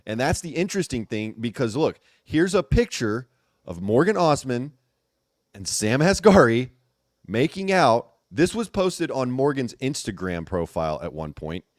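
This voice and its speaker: A man hosting a casual gossip commentary chat, talking in an animated, teasing way with emphatic repetition. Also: medium pitch, unhurried, dry recording, studio quality. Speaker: host.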